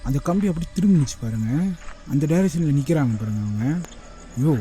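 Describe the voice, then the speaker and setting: Mellow-voiced man reacting to a video. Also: medium pitch, animated, a little fast, soft background music. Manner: frequent exclamations to viewers. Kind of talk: reaction commentary.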